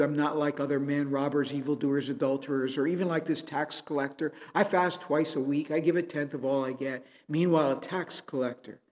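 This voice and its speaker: A man's voice: on the high side, darkish tone. Earnest preacher man, reverberant sanctuary. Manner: earnest, rising to emphatic pleas. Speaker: pastor. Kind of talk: sermon.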